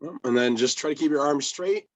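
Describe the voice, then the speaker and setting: A man working as a personal trainer with a hoarse voice, coaching a client through exercises step by step with easy laughs. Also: a little high, brisk, low-quality recording. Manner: patient step-by-step instructions, laughs easily. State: hoarse, lost voice. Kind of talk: remote workout coaching.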